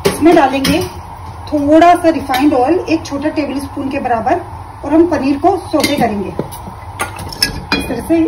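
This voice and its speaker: A woman calmly explaining each step of a recipe while she cooks at her stove at home. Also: high voice, a little slow, pauses often, recorded from a distance, noisy background. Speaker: home cooking teacher. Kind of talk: step-by-step cooking instruction.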